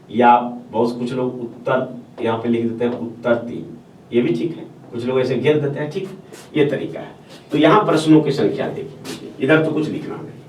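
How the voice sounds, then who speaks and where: A male teacher giving a step-by-step classroom lecture on answer writing, repeating phrases and checking in with the class as he goes. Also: mid-range voice. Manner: explains step by step, repeats phrases, often says "ठीक है". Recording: echoey room, voice from far off, faint hiss.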